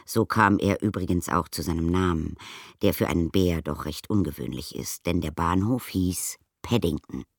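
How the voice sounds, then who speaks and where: A woman reading a children's storybook aloud as narrator, with a raspy voice. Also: rumbling low, moderate pace, no room sound, studio quality. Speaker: audiobook reader.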